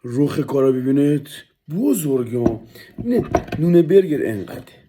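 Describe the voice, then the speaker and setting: Excitable man hyping food to camera. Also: medium pitch, noisy background. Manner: hyped and playful, drops to whispers over the food. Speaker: food vlogger. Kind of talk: casual food vlog talking to camera.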